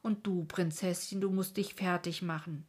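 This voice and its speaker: A woman voicing a kindly, somewhat fussy old King of Dreams in a storybook reading, speaking warmly and patiently with a breathy voice. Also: lowish voice, fairly even intonation, moderate pace.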